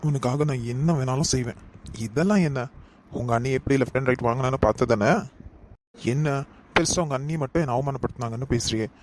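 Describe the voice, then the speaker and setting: A man voicing a gentle, devoted young husband. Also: mid-range voice, quick pace, slight background noise, close to an everyday voice. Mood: soothing. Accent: Kanyakumari Tamil. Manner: soothing, coaxing.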